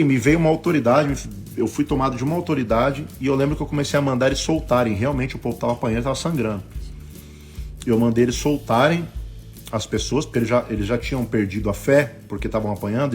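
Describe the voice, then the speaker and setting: A man with a Brazilian Portuguese accent, a bishop preaching a sermon on a live stream, telling stories and acting out the voices in them, swinging between loud bursts and hushed asides. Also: mid-range voice, fast talker, faint music behind. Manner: acts out quoted voices in his stories.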